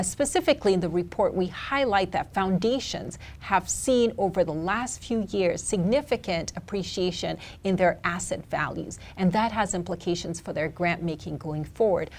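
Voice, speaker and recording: A woman researcher giving measured, explanatory answers in an interview about charitable giving. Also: mid-range voice, darkish tone. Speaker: philanthropy researcher.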